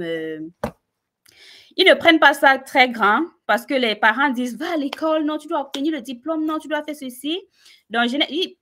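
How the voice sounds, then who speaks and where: With a Cameroonian French accent and a medium-pitched voice, a woman tells her personal story on a live stream, animated and speaking straight to her listeners.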